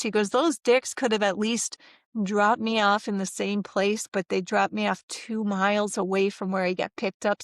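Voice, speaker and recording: A middle-aged woman recounting a personal experience in a casual interview, animated and acting out what others said, with frequent laughs. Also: mid-range voice, no room sound, studio quality. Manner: animated, acts out quoted voices, laughs often. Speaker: interview guest.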